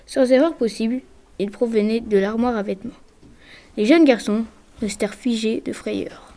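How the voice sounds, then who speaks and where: A woman reading a children's adventure novel aloud in a steady storybook narration. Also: on the high side, normal speed. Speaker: reader. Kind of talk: scripted narration.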